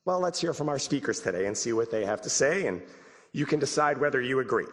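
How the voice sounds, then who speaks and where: An American man delivers prepared opening remarks as the host of a conference. His voice is husky, as he is getting over the flu. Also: mid-range voice, expressive, quick pace. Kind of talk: prepared welcome speech.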